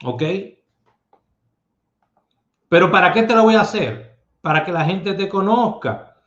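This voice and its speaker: A man's voice: high voice, expressive, measured pace, fairly bright tone. A man giving streetwise advice in a casual monologue, emphatic and full of rhetorical questions. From Dominican Republic. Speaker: lottery numerologist host. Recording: echoey room, dull lo-fi sound.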